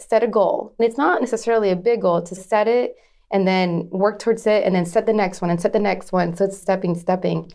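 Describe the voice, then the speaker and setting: A woman in her thirties from Arizona, USA, tells her life story as an interview guest. Her voice is lowish and somewhat dark, and she's chatty, laughs often, and restarts phrases.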